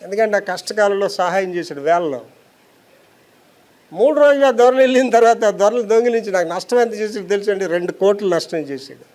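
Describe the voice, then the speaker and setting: A man's voice: high-pitched, fairly quick, a little mellow. A man in his seventies with a Telugu accent, a pastor preaching an emphatic sermon and putting rhetorical questions to his congregation. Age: 70s.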